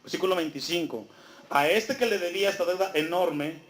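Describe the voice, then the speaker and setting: A man preaching a sermon, his voice pitched high above most men's. He reads scripture aloud and pauses for the congregation to call out the missing words. The church around him is roomy and echoing, with a faint hiss underneath. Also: fairly bright tone. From Mexico. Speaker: pastor. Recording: echoey church hall.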